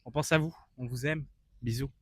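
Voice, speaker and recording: A man's voice: medium pitch, steady tone, moderate pace, no echo, studio quality. A man chatting casually as a vlogger, informal and mock-earnest as he gives his opinions. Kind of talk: casual vlog chat. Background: faint guitar music.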